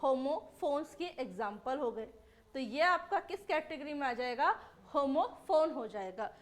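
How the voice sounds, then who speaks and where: A woman's voice: sits high, animated, unhurried. A woman teacher giving an exam-prep lesson. She talks in a chatty way, asks rhetorical questions, answers them herself and often adds tag questions.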